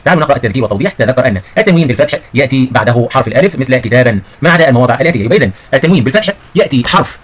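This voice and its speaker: Fast-talking teacher, man. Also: medium pitch, lively intonation. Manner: addresses pupils as "my sons and daughters", explains step by step. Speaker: Arabic teacher. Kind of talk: recorded grammar lesson for children.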